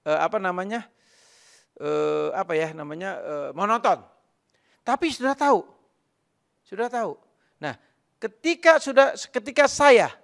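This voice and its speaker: A man's voice: extremely high pitch, a bit bright. A male pastor preaching a sermon, emphatic and repetitive, often turning to address the congregation directly.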